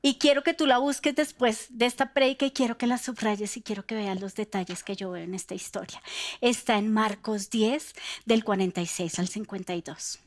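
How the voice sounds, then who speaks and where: A woman preacher, delivering a sermon in a lively storytelling way, often dropping into a whisper. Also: medium pitch, moderate pace.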